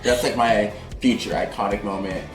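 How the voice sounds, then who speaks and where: A man's voice: lowish voice, steady tone, normal speed. A man co-hosting a casual comic chat, joking and giggly. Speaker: co-host. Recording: roomy echo with music.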